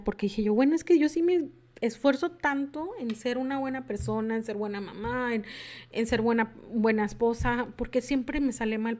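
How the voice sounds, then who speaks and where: At a workshop, a woman with a slightly high, somewhat mellow voice tells an audience her own story confessionally, reenacting remembered dialogue along the way.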